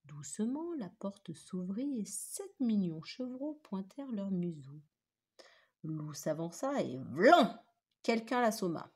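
A woman teacher reading a children's story aloud with animated, expressive storytelling. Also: mid-range voice, takes it slowly, breathy edge.

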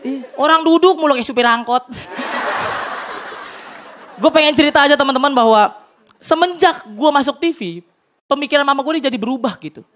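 High-voiced Jakarta man doing loud stand-up. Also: a little fast, pauses often. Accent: Jakarta colloquial Indonesian. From Tanjung Priok, Jakarta, Indonesia. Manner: loud, excitable, bursts into shouted punchlines. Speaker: stand-up comedian. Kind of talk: stand-up comedy routine. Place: TV studio stage with live audience. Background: audience laughter.

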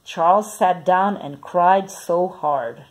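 A woman reading a children's picture book aloud, lively and expressive. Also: on the low side, slow pace. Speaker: storyteller.

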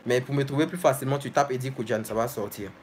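A man's voice: medium pitch, fast talker, darkish tone, a little hiss or hum. A young man hosting a casual live stream, reading viewers' comments aloud and answering each one directly and familiarly.

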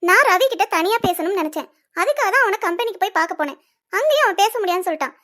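A jealous, hot-tempered young woman in a cartoon serial. Her voice is very high, and she accuses and stands her ground. There is indignation in every line. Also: expressive, racing, bright, forceful tone, full character voice. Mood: indignant.

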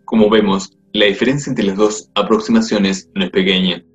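A man reads a grammar textbook aloud at a measured, explanatory pace. His voice sits on the low side. The recording is muffled and lo-fi, with faint music under it. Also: steady tone. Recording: dull lo-fi audio with faint music.

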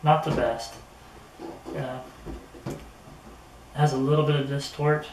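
In this casual unboxing video, the speaker is a middle-aged man at a table in a small room, talking to camera calmly and without hurry. His pitch barely moves, and the camera mic a few metres away gives a roomy, echoey sound with obvious noise.

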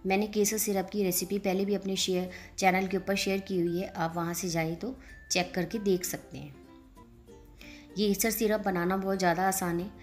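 A woman hosting a cooking channel, calmly explaining each step of a recipe in a voice-over and speaking straight to the viewers. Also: mid-range voice, moderate pace, soft background music. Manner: calm step-by-step instructing, addressing viewers directly.

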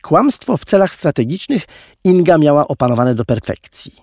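Man reading a storybook, very lively pitch, close dry studio sound. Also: moderate pace, breathy edge, dry recording. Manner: expressive, animated storytelling. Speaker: audiobook reader. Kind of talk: audiobook narration.

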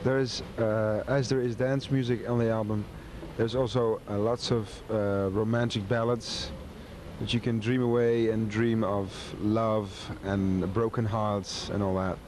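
A man's voice: on the low side, flat delivery, measured pace, darkish tone, slight background noise. A man in his twenties from the Netherlands, answering playfully in an interview. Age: 20s. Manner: playful, joking. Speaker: pop singer.

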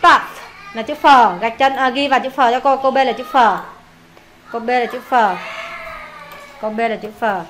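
A woman teacher with a Vietnamese accent, running an English pronunciation lesson and repeating words slowly for pupils to echo. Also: fairly high pitch, a bit bright, slight background noise.

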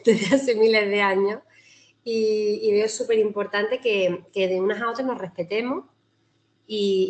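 Chatty Spanish woman giving an online talk. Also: medium pitch. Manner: chatty, warm-hearted, frequent "¿no?" tags and restarts. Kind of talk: informal talk to a breastfeeding group. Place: video call.

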